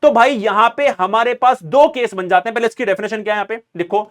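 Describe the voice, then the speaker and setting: A man's voice: high-pitched, fast. A male teacher giving a casual exam revision lesson, repeating phrases as he writes and answering his own questions. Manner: calls students "bhai", casual.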